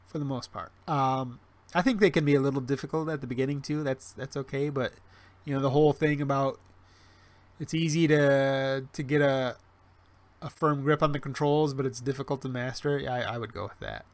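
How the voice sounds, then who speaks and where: A man in his forties runs a laid-back livestream, reading chat in a medium-pitched, steady voice that moves fairly quickly, with no echo on his webcam mic. He wanders through his thoughts with fillers and restarts, making wry jokes at his own expense.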